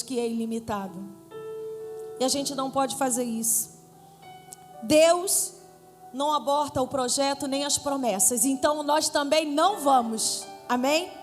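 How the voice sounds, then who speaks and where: High-voiced Brazilian woman preaching in a church. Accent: Brazilian Portuguese. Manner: playful, riddles with the congregation, rises to shouting. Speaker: pastor. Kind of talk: Pentecostal sermon. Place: church hall with live congregation. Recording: church hall reverb with faint music.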